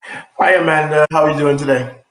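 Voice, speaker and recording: A man's voice: on the high side, fairly even intonation, brisk, fairly bright tone, roomy sound, low-quality recording. A man from Trinidad and Tobago, co-hosting a live stream, introduces himself in a friendly, casual way with many fillers over a video call. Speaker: co-host.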